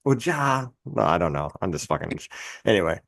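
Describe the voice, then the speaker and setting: A man's voice: rumbling low, fairly quick, vocal fry, fairly bright tone, no echo, clean studio sound. A man co-hosting a podcast in a casual chat, rambling, swearing and laughing at his own jokes. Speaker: podcast co-host.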